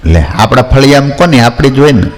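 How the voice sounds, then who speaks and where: A man's voice: medium pitch, lively intonation, fairly quick, big-room sound, rough recording. A man giving a folksy devotional discourse, telling anecdotes and acting out villagers in quoted voices. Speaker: spiritual storyteller.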